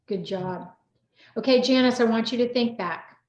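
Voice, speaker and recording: A woman hosts and moderates a casual group chat, encouraging and affirming each guest as she moves between them. Her voice is on the high side, a little mellow and moderately paced, recorded in an echoey room with a muffled, dull sound.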